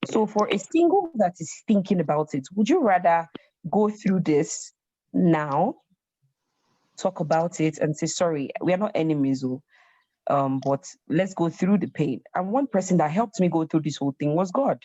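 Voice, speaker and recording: A young Nigerian woman telling a personal story in an animated way, slipping into pidgin phrases. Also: on the low side, moderate pace, no room sound, lo-fi sound. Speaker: host.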